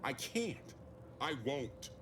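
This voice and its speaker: An actor playing a weary, stubborn chief mechanic in a video game. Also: male voice, mid-range voice, very animated, very slow, background noise. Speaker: game character.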